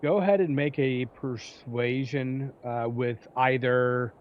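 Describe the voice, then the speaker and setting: A man running a tabletop game as game master, improvising narration in a halting, conversational way. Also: mid-range voice, fairly even intonation, highs cut off.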